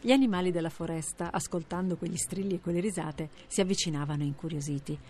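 A woman reading a children's fable aloud, with expressive, lively storytelling. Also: fairly low pitch, fast, soft background music. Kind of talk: fairy tale reading for children.

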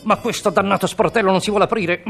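A man voicing a loud, frustrated male thief who shouts back at his partner. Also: high voice, steady tone, fast talker, creaky, pitched above the performer's own voice, full character voice. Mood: exasperated. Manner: shouting, exasperated. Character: loud male professional safecracker, exasperated.

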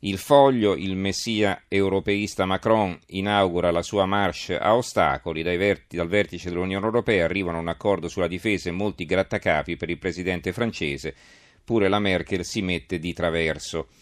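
A man with a low voice presents a press review on live radio. He reads headlines and adds his own commentary. The sound is dry and close, as from a studio microphone. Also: steady tone, normal speed, no echo.

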